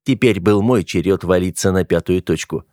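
A man's voice: low voice, normal speed, a little mellow, no room sound, studio quality. A man reading a first-person audiobook with dramatic, tense delivery. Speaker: audiobook narrator.

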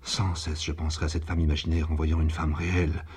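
A man with a husky voice reading a literary story on the radio, measured with dramatic swells. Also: rumbling low, flat delivery, a little mellow. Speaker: reader.

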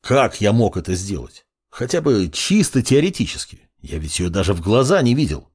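A man's voice: lowish voice, sing-song, normal speed, darkish tone, husky. A man voicing a crippled male investigator who grumbles and defends himself indignantly in an audiobook.

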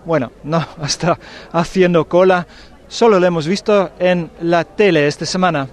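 A man's voice: fairly high pitch, moderate pace. A man reporting from a street crowd, chatting and asking short direct questions. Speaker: field reporter. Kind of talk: on-location news report and street interviews. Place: outdoors on a town street among crowds.

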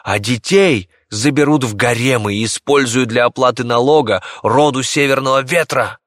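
Man doing a hoarse crow-voiced village bully. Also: medium pitch, moderate pace, fairly bright tone, no room sound, clean studio sound, voice pushed up, natural voice. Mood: ranting. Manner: threatening and bullying. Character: coarse hostile village ringleader man.

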